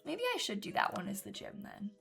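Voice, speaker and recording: A congested young streamer with a cold builds in a game from home, chatting live and thinking aloud with frequent ums and small giggles. Her medium-pitched voice is fairly quick, gravelly and a bit bright, with big pitch swings and faint background music.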